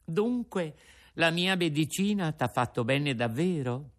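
A man voicing a patient, motherly fairy in a storybook reading, calm and gently scolding. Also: a little high, a little slow, voice pushed up.

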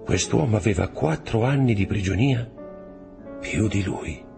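A man narrating a classic novel as an audiobook, measured and expressive. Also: fairly low pitch, creaky, over music. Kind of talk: scripted literary narration.

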